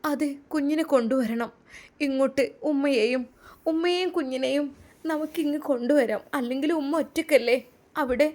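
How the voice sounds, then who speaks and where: A caring young wife, voiced by a woman, high and bright, soothing her husband in a warm, reassuring manner. A Malappuram Malayalam lilt colours her storybook lines. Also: normal speed, lightly acted. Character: kind devoted young wife.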